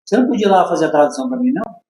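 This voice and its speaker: Rapid-fire and fairly high-voiced, this Brazilian-accented podcast guest spins a casual, lively story, voicing the dialogue himself between laughs. The room he's recorded in is echoey.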